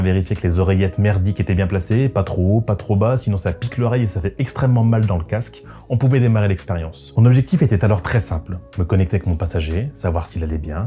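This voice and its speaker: Speaking in a low register with a dark tone, this motorcycle vlogger delivers scripted first-person narration that feels reflective and conversational. Background music runs under the recording.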